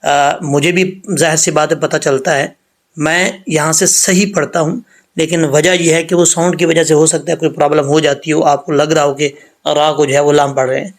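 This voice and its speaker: A man teaching Quran recitation rules, explaining letter by letter and slowly drawing out the recited words. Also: on the high side, flat delivery. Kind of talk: tajweed lesson with slow recitation.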